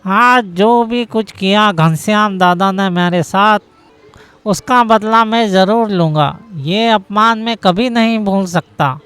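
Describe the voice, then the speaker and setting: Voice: mid-range voice, slow, fairly bright tone, clear, resonant tone. A blustering, hot-headed cartoon husband. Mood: raging. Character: hot-tempered young husband. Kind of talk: cartoon voice acting.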